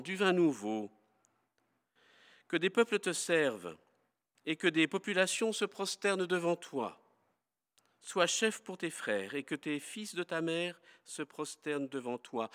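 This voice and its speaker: Old blind dad questioning his son, read out by a man, slow and solemn, echoey hall. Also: on the high side, a bit bright. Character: old blind father Isaac, doubting, solemn. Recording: long hall reverb.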